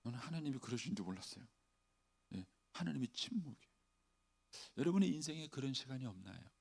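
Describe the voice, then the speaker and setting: A middle-aged male pastor preaching a dawn sermon, acting out pleading prayers in a raised voice and dropping to soft near-whispers. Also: mid-range voice, animated, quick pace, vocal fry, breathy edge.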